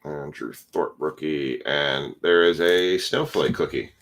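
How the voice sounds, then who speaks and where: Casting: tired man, very low voice, relaxed card-break host listing player names. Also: takes it slowly, gravelly. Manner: relaxed, rattles off player names as he opens packs. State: tired, yawning. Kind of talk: casual live card-break commentary.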